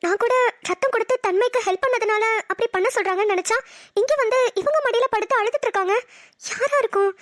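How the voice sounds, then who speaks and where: A woman's voice: very high-pitched, quick pace, fairly bright tone, no echo, clean studio sound. Woman voicing a puzzled young woman. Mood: curious. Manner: questioning, bewildered.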